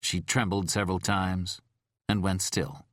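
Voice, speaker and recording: Man, audiobook narrator, lowish voice, dry close sound, dramatic and measured. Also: little pitch movement, fairly bright tone, no echo.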